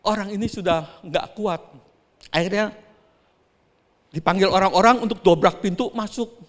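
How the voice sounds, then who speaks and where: A man pastor preaching a sermon, telling a story dramatically and often turning straight to the congregation, with his voice swinging between soft and loud. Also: high-pitched, normal speed, big-room sound. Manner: often addresses the congregation directly. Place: church.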